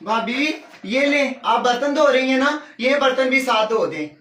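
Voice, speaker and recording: A prim young woman, acted out by a man, lectures in a high, slow and haughty tone. Her voice rings around a roomy space and sits away from the mic. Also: expressive, sharp tone, exaggerated voice. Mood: haughty scolding. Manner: scolding, haughty. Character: prim, scolding young woman who asks for the dishes to be washed. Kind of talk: comic sketch. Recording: roomy and distant.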